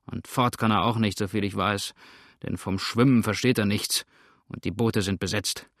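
A man voicing a rough, bossy male river pirate who talks gruffly and gives orders, in an audiobook reading. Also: lowish voice, steady tone, moderate pace, fairly bright tone, dry recording, studio quality. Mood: grumbling. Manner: gruff, commanding.

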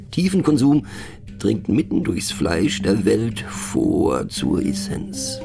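A heavily acted male narrator in a radio play speaks in a low, gravelly, husky voice, delivering a satirical monologue addressed to the listener. Eccentric, musing, and mocking, he rambles wryly and doubts himself, speaking haltingly and conspiratorially and often dropping to a near whisper.

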